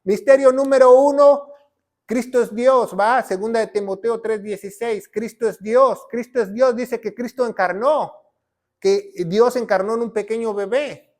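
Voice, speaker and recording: A man preaching a teaching sermon in a notably high voice. He drives his points home by repeating phrases and keeps checking in with his listeners as he teaches from a whiteboard. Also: normal speed. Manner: emphatic, repeats key phrases, frequent "¿va?" check-ins. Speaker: pastor and Bible teacher.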